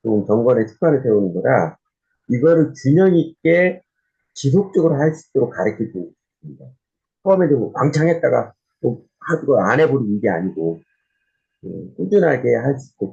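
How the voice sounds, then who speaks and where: A man with a gravelly, mellow voice teaches a church class in a loose, conversational way. He pauses on fillers and restarts sentences as he goes. The recording is a bit dull and muffled. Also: on the low side. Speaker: pastor.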